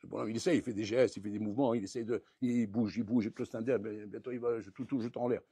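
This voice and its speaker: A man, a rabbi, giving a lively Torah lesson, acting out little dialogues and swinging between loud outbursts and quiet asides. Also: fairly low pitch, fast, slightly rough, dry recording. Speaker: rabbi teaching a Torah class.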